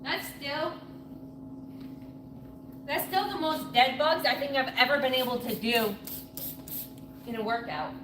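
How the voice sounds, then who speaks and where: A high-voiced woman in her late twenties speaks unhurriedly, pausing often, while she exercises on a livestream. The chat is casual and repetitive, recorded in a noisy indoor gym where the mic distance varies.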